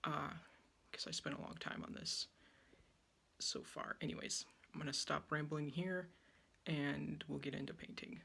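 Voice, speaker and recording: With a low, very animated voice, she speaks unhurriedly, her tone bright and forceful but slightly rough, with vocal fry. The young art vlogger, in her twenties, paints at home in a small yellow room and chats to her phone on a tripod up close. She sounds wheezy from a dry, sore throat and rambles in a self-deprecating way.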